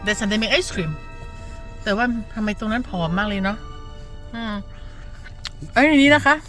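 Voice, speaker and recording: Faint music plays behind a mid-range, slightly bright female voice that takes its time. A mother and vlogger from Thailand, she chats casually with a Thai accent, laughs a lot, and drops in English.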